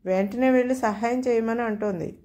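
A woman's voice: a little high, normal speed, mellow, natural voice. Woman reading as a harried middle-aged husband in an audio story; exasperated.

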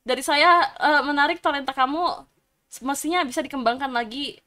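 A woman's voice: sits high, moderate pace, bright, forceful tone. A woman judging a streamed talent show, teasing casually with slang. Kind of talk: comedic live stream banter.

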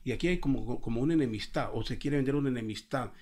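A man's voice: mid-range voice, quick pace, a little mellow. A man hosting a political interview, asking direct, pointed questions. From Honduras. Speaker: interview host.

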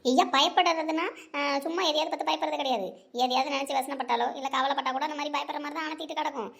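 A woman voicing a sharp-tongued old village grandmother in a cartoon, gruff and scolding. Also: high-pitched, steady tone, racing. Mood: worried. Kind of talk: cartoon voice acting.

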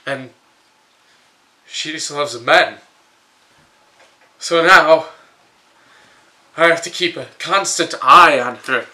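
Casting: male actor as troubled comic guardian, highish sharp voice, mock-solemn delivery. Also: slow pace, long pauses, full character voice. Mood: worried.

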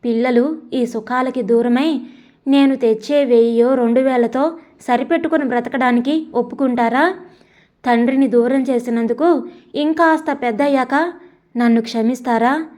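A woman's voice: high voice, a little mellow, close to an everyday voice. A woman voicing a resigned married woman who reasons things through steadily. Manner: measured, reasoning.

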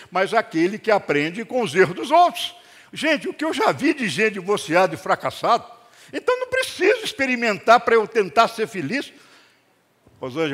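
An older man with a Brazilian accent, preaching a sermon to a congregation and telling stories with acted-out dialogue. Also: sits high. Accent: Brazilian Portuguese. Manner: lively storytelling with acted-out dialogue and jokes. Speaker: rabbi preaching. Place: congregation hall. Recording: long hall reverb.

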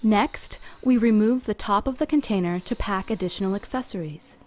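A woman reading a scripted instructional voice-over in an even, measured, step-by-step manner, recorded apart from the pictured workshop. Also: mid-range voice, a little hiss or hum. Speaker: company video narrator.

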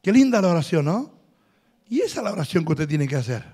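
A man's voice: fairly high pitch, very animated, fast talker, dark tone, breathy edge. A male pastor, preaching a sermon with emphatic repetition and call-and-response with the congregation.

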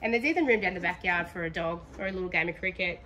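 A woman's voice: on the low side, fast talker, sharp tone, distant mic. A middle-aged woman with an Australian accent guiding a walking tour through a house, speaking enthusiastically. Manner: enthusiastic, gushing. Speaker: prize home tour guide. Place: large furnished house indoors. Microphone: handheld camera following her. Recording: roomy echo, off-mic at times, noisy.

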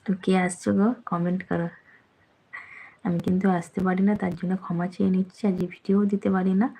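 A woman's voice: on the low side, level tone, fast, gravelly, warm tone, breathy edge, poor audio. A woman hosting a live stream, chatting casually and teasingly with viewers and reading out their comments. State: slightly out of breath.

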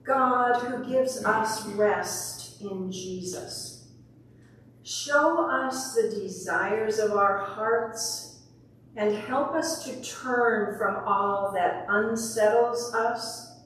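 A woman leading the congregation in a creed and prayers at a pulpit microphone in a church, in a measured, prayerful way. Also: a little high, a bit bright, far from the mic, a little hiss or hum. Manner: measured, prayerful recitation with a repeated call of "Hear us, O God". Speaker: worship leader. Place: large church sanctuary. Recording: very echoey church, voice well off the mic.

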